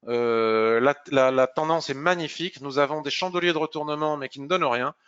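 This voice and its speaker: A man presenting a live market review, explaining charts while thinking aloud, pausing and clearing his throat. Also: on the high side, fairly bright tone, highs cut off. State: slightly hoarse, clearing throat.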